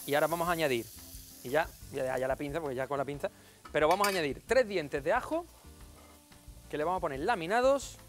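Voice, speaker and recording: High-voiced TV chef, jokey. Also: male voice, quick pace, long pauses, soft background music. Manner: playful and jokey, addressing viewers as family. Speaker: TV cooking show chef. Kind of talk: chatty cooking demonstration. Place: TV studio kitchen.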